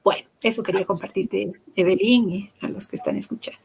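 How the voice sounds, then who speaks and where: A woman, a psychomotor therapist telling anecdotes from her clinical work in an animated, conversational way. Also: mid-range voice, a little fast, gravelly, a little hiss or hum. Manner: animated storyteller, voices the people she quotes. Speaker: psychomotor therapist, guest lecturer.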